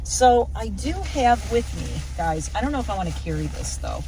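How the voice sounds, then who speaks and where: A woman's voice: on the high side, normal speed, low-quality recording. An American woman chatting casually to camera inside a car, rambling and informal, often interrupting herself. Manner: rambling, animated self-interrupting, informal slangy talk. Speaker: vlogger. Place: inside a car while driving. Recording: loud car and road noise. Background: vehicle noise.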